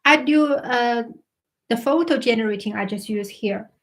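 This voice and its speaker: A woman in her thirties hosting a casual live stream, chatting and answering viewers' questions, often pausing to search for words. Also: a little high, poor audio. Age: 30s. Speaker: livestream host.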